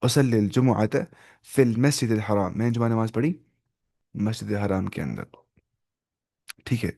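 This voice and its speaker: A man teaching an online Arabic lesson in with English words mixed in, reading Arabic phrases slowly and then explaining them. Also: on the low side, gravelly, mellow.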